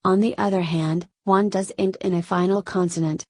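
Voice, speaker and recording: A Spanish woman, a native Spanish speaker, explaining Korean grammar in English with a Spanish accent, in steady step-by-step scripted narration. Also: mid-range voice, moderate pace, no room sound. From Spain. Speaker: Korean language teacher.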